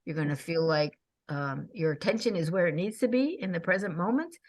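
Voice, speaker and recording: A woman in her sixties with a lowish voice hosts a relaxed conversation. She talks eagerly, piling up encouragement and breaking into easy laughs. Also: a little fast. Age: 60s. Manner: enthusiastic, chatty, laughs often. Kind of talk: casual chat.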